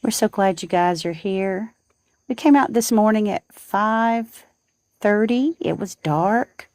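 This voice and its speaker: A woman, softly chatting with viewers on a live stream from her porch. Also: mid-range voice, takes it slowly, dry recording. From Southern United States. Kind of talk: casual chat on a live stream. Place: outdoors on a home porch at dawn.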